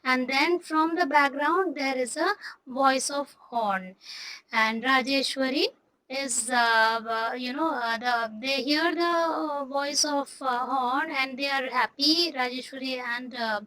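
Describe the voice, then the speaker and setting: A woman teacher explaining a Hindi play in to students, talking in a halting way with many fillers and restarts. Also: high-pitched, bright, forceful tone, rough recording.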